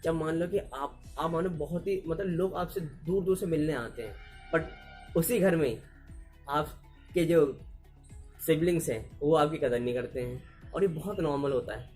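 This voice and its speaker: A man's voice: on the high side, a little slow, a little mellow, soft background music. A man with an Indian accent, teaching idioms to learners and mixing Hindi with English as he explains. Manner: mixes Hindi and English, repeats and restarts to explain.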